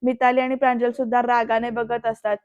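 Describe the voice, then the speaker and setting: A woman's voice: fairly high pitch, level tone, brisk, a little mellow, clear, resonant tone, no echo, soft background music. A woman narrating a voice-over recap of a TV serial in a chatty way, speaking straight to the viewers. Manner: chatty, addresses viewers directly. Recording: dull lo-fi dry voice-over.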